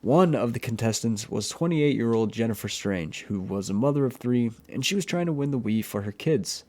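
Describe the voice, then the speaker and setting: A man's voice: medium pitch, lively intonation, moderate pace, darkish tone. A man narrating a true-crime story for his channel, in a plain, earnest retelling with a few opinions of his own. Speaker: YouTube horror storyteller.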